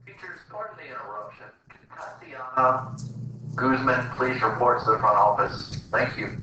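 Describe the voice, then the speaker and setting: A man making a polite, formal announcement over a school intercom loudspeaker. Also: medium pitch, lively intonation, moderate pace, a little hiss or hum. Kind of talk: public address announcement. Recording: dull, echoey loudspeaker heard from far off in a classroom.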